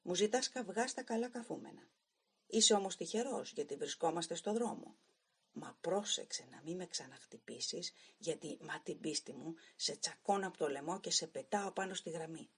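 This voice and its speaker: A woman's voice: deep voice, expressive, gravelly, slightly rough, full character voice. A woman voicing an old retired male train engineer who tells his story in a grave, plain-spoken way. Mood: angry.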